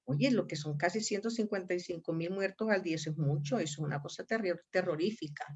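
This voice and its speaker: A woman's voice: lowish voice, quick pace, darkish tone, husky. A woman with a Colombian accent, a law professor giving an online lecture, addressing her students directly and often repeating herself. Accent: Colombian Spanish. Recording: dull lo-fi audio.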